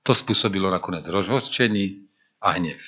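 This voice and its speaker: A man with a fairly low voice preaches a sermon in an earnest tone. He rises to emphatic declamation whenever he quotes scripture. The sound is a little dull and lo-fi. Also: sharp tone, slightly rough.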